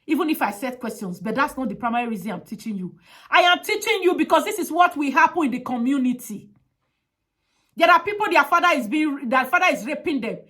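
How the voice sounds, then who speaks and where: A woman's voice: high voice, animated, fast talker, sharp tone. A woman giving an impassioned advocacy monologue, emphatic and pleading, with heavy repetition.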